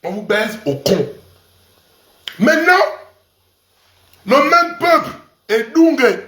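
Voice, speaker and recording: A man's very high, sharp-toned voice moves in a sing-song way as he takes it slowly, with roomy sound around him. The online commentator's rant to camera is crude and provocative, mocking the audience and repeating syllables for emphasis.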